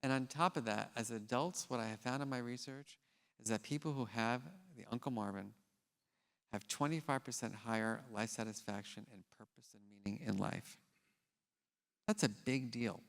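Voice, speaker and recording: Man, keynote speaker, gravelly voice, lively casual storytelling, long theater reverb. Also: mid-range voice, moderate pace. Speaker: scientist. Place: large theater stage.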